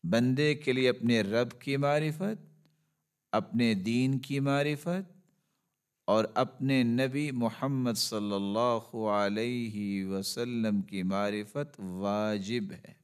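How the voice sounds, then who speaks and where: A man giving a religious lesson, reciting Arabic passages quickly and then explaining them slowly. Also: mid-range voice, steady tone, clear, resonant tone. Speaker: religious teacher.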